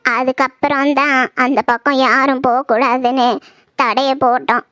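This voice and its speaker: A woman voicing a grieving old village grandmother in a cartoon, talking slowly in a lamenting way. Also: sits high, fairly even intonation, bright, forceful tone, dry recording, dull audio. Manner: slow, mournful, lamenting. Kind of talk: cartoon voice acting.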